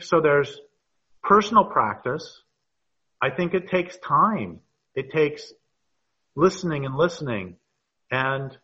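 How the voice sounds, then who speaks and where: A man with a slightly high voice and a bright, forceful tone joins a video call as a panel guest. He speaks thoughtfully and tells stories without hurrying in this reflective online talk, heard through muffled call audio.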